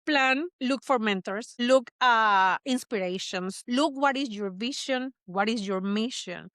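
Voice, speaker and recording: A middle-aged woman who owns a bakery in Puerto Rico answers interview questions earnestly in English, her second language, with a Puerto Rican Spanish accent. She often repeats words and restarts. Her fairly high voice is a bit bright and measured, captured in studio quality with no echo.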